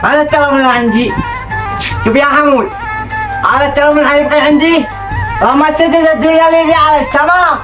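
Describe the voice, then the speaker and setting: A man's voice: extremely high pitch, steady tone, quick pace, pauses often. An actor with a Yemeni accent playing a stern grocery shopkeeper who scolds a neighbor and insists on being paid his debts. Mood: scolding. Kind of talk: web drama acting. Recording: loud music under the dialogue.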